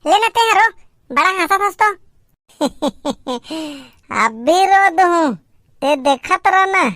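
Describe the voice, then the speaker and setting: Woman voicing squeaky, giggly cartoon village kids. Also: lively intonation, fairly bright tone, no room sound, heavily acted. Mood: playful. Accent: Chhattisgarhi. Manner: teasing, giggly, quick back-and-forth banter. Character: playful bickering village kids staging a doll wedding. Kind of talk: cartoon comedy voice acting.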